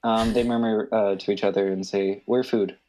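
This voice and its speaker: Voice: low-pitched, flat delivery, brisk, dark tone. A game master casually narrating a tabletop game in a joking, informal way.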